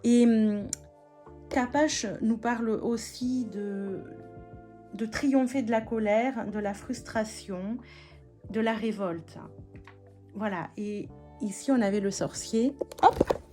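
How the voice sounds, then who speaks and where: A woman giving a weekly tarot and oracle card reading in a gentle spiritual tone, with many hesitations and restarts. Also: fairly high pitch, slow pace, pauses often, soft background music.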